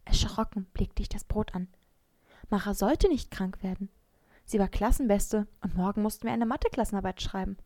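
Expressive woman reading a story aloud. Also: mid-range voice, moderate pace, no echo. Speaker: story reader. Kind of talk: read-aloud first-person story narration.

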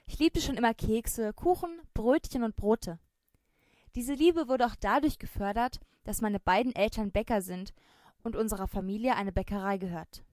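A woman reading a first-person story aloud with expressive, lively storytelling. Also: fairly high pitch, dry recording, clean studio sound. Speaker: narrator.

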